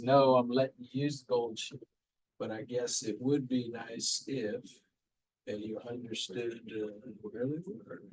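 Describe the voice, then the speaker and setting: A man's voice: medium pitch, darkish tone, rough recording. A man teaching a math class, talking casually and quizzing students with repeated prompts. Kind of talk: classroom lecture.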